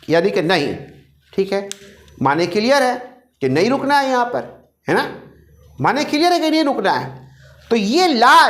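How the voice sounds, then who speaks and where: A man's voice: high voice, fairly bright tone. A male recitation teacher giving a classroom lecture, repeating each rule and quizzing his students. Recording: roomy echo.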